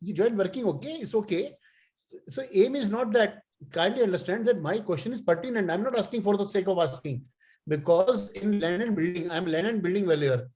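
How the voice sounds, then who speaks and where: A man with a North Indian accent questioning argumentatively as a class participant, insistent and halting. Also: high-pitched, darkish tone. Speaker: class participant, land and building valuer.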